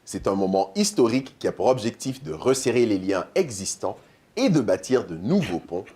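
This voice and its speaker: A man with a deep voice, hosting an event and reciting a slam text in a measured, rhythmic way. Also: big pitch swings, warm tone. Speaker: host and slam artist.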